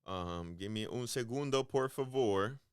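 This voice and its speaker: A man's voice: mid-range voice, a little slow, clean tone, no room sound, studio quality. A man hosting a casual podcast monologue, rambling and profane, talking with many hesitations and calling listeners bro. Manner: loose, hesitant delivery with many ums. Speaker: podcast host.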